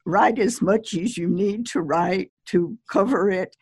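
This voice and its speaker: Slow, husky woman poet. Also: mid-range voice, a little mellow, no room sound. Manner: slow, measured and chatty, with small laughs. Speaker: poet giving advice, podcast guest. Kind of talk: relaxed conversational advice.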